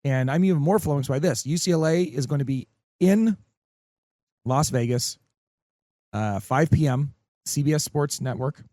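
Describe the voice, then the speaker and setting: A man's voice: fairly high pitch, normal speed, long pauses, dark tone, no room sound, studio quality. A man hosting a sports podcast in casual, rambling chat, full of likes and fillers. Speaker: podcast host.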